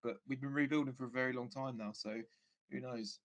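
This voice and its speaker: A man's voice: medium pitch, fairly even intonation, brisk. A man guesting on a football podcast as a fan, speaking in casual chat with frequent restarts. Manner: hesitant, many restarts and fillers.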